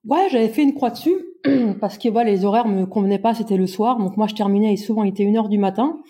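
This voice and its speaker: A woman in her forties from Brittany, speaking as a podcast guest in a hesitant, self-mocking way with many pauses. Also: medium pitch, mellow, breathy edge. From Brittany, France. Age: 40s. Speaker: guest, amateur endurance runner. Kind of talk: podcast interview.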